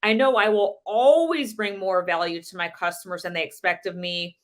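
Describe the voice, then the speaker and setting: A woman giving a measured, deliberate motivational talk as a sales coach, asking the listener many rhetorical questions. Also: medium pitch, fairly even intonation. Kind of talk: motivational presentation.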